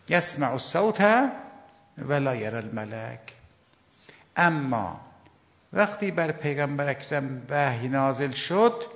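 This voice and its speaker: A man preaching a sermon, addressing his listeners directly, reciting Arabic phrases slowly and then translating them. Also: fairly high pitch, in a large hall. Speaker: Shia preacher.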